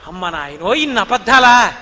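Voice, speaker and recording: An astonished village milkmaid, voiced by a man telling the story, exclaiming in disbelief at a little thief's lies. The voice sits very high and comes across bright and forceful. A long reverb rings around it, as in a large hall. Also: quick pace. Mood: aghast.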